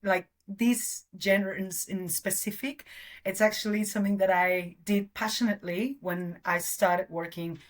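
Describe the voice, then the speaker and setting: A woman's voice: mid-range voice, fairly even intonation, a little slow. A woman from Mexico, a podcast guest talking in reflective, casual chat. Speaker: guest, TV presenter.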